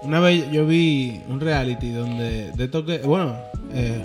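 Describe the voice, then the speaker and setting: A man with a Dominican Spanish accent chatting casually as a podcast co-host, telling things in an animated, slangy way. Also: mid-range voice, unhurried. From Dominican Republic. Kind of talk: casual chat among friends. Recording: music playing behind the talk. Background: music.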